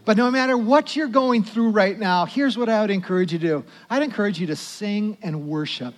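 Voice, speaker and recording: A male pastor preaching a sermon, swinging from loud emphatic lines to hushed prayerful asides. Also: high voice, brisk.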